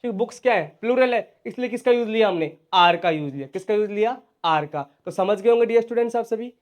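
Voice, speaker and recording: Male teacher, Hindi accent, high-ish voice, drills students with repeated questions. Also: animated, fast. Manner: repeats questions to students and answers them himself. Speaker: English teacher. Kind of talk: spoken English lesson in Hindi.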